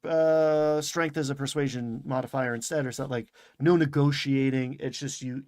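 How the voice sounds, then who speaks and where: Casting: man, mid-range voice, animated quick podcast talk, dry sound. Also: medium pitch, no room sound. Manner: animated, quick bursts, swears casually. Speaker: podcast co-host. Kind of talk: casual chat.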